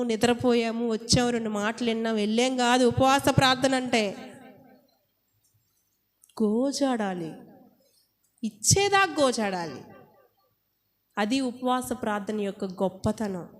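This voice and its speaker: A woman preacher delivering an impassioned sermon, firing rhetorical questions at her congregation. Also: on the high side. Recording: long hall reverb.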